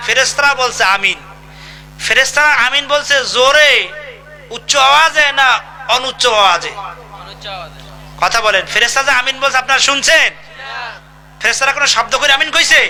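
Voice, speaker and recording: Male preacher, very high and sharp-toned, emphatic questioning delivery, faint hum underneath. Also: rough recording. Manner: emphatic, asks the audience questions. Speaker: Islamic preacher. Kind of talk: sermon.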